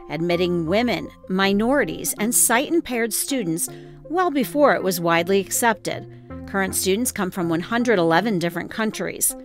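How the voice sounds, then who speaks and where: A woman reporter giving scripted news narration in a measured, clear way. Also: medium pitch.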